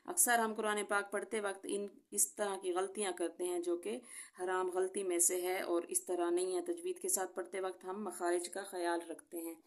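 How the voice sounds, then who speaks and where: A woman teaching a Quran recitation lesson. She explains each sound patiently, then recites the words slowly and clearly. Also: on the low side, flat delivery.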